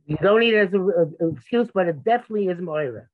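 A man with a high-pitched voice argues insistently in a conversational religious debate, talking rapid-fire and stammering as he restarts. The recording sounds muffled and narrow, like a phone line.

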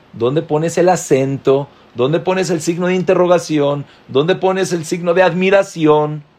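A man gives a Torah class at an unhurried, deliberate pace. His voice sits at a middle pitch and jumps up sharply to stress key words. He addresses his listeners directly, like a rabbi teaching a lesson. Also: darkish tone. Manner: slow, emphatic teaching with sudden pitch leaps.

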